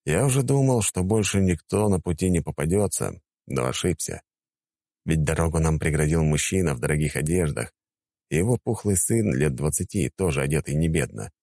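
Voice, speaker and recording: A man narrating an audiobook in the first person, wry and expressive. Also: very deep voice, brisk, gravelly, no echo, clean studio sound.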